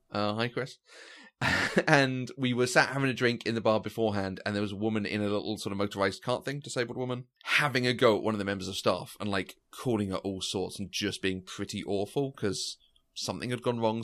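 A man co-hosting a podcast, chatting casually and telling stories with lots of fillers and restarts. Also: on the low side. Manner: chatty, animated storytelling with frequent fillers and restarts. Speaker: podcast co-host. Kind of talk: casual chat.

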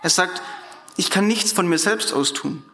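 A man preaching a sermon with a high, bright voice, talking in a lively, colloquial way straight to his listeners. His words ring out in a roomy, echoing church hall. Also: unhurried. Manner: animated, colloquial, addresses the audience directly.

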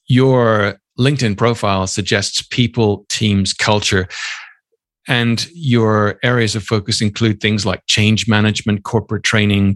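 Low-voiced male interview host. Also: fairly bright tone, dry recording, studio quality. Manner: measured, asks long questions. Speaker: podcast host. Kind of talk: interview hosting.

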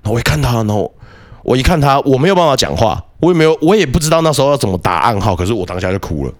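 A man tells a story from his childhood in a casual podcast chat. His delivery is quick and animated, and his pitch rises and falls widely. He often repeats words and restarts his sentences.

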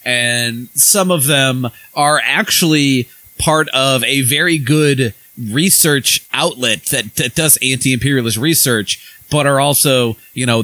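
Blunt American co-host, ordinary pitch, recorded dry. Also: male voice, pushed and bright, dry recording, rough recording. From United States. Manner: blunt, swears, many restarts. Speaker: podcast co-host. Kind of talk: casual political chat.

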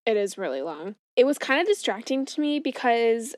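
A woman's voice: fairly high pitch, sing-song, moderate pace, a little mellow, no room sound. Chatty woman podcaster, dry closet sound. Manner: conversational, chatty. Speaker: podcast co-host. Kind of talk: casual movie discussion podcast.

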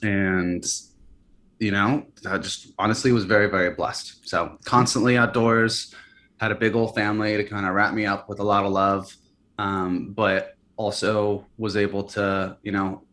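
His voice sits on the low side and moves at a measured pace. An early-thirties company founder with roots in California and Hawaii, he keeps the interview relaxed, though he hesitates, restarts and leans on fillers a lot.

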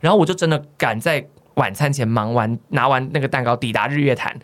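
A man, co-hosting a podcast and telling family stories in a casual, animated way. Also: mid-range voice, fast. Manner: animated, laughs often while telling stories. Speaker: podcast co-host. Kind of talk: casual storytelling chat.

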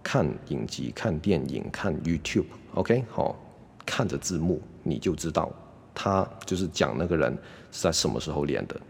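A man giving a casual English lesson, constantly checking in with a quick "OK?" and slowly sounding out example phrases. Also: extremely low pitch, expressive, vocal fry, husky, big-room sound. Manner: demonstrates English pronunciation slowly. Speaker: English teacher. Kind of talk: casual YouTube language lesson.

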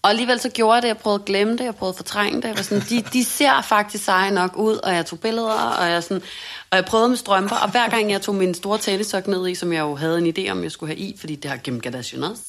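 A woman co-hosting a podcast, telling a story in a lively, self-mocking way and acting out what people said. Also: medium pitch. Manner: animated, self-mocking storytelling with quoted dialogue. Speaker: podcast co-host. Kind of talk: casual storytelling chat.

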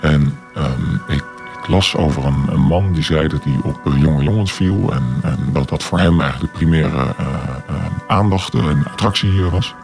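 A man in his forties being interviewed on radio, his voice disguised by a deep pitch-shift distortion. He talks hesitantly and deliberately, with many filler sounds. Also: vocal fry, over music. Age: 40s. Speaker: anonymous interviewee.

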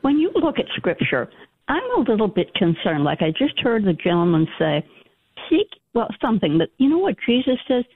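A woman from Illinois with a gravelly voice calls in over the phone, earnest as she quotes scripture and raises her concern. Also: mid-range voice, sing-song, moderate pace, no echo. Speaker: caller. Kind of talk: call-in radio question. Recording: tinny phone line.

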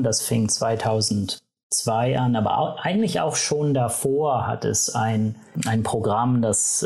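A man's voice: on the low side, vocal fry, darkish tone. Man with a North American accent in German. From Canada. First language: English. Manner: hesitant, halting phrasing. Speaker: university vice president, interview guest. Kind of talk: spontaneous interview answers.

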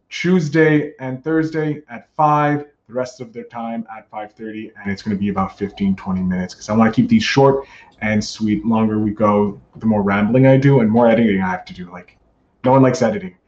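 A man's voice: medium pitch, a little mellow. A man hosting a casual live-streamed podcast, addressing listeners like a ringmaster with showy announcements. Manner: ringmaster-like showman greetings, drawn-out announcing. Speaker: podcast host. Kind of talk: live-streamed solo show, casual chat. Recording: roomy, dull lo-fi sound.

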